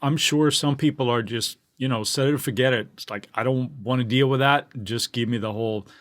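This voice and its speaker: A man co-hosting a podcast about mixing, easygoing and quick to laugh as he asks his co-host questions. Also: mid-range voice, dry recording, studio quality. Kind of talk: casual chat. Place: studio.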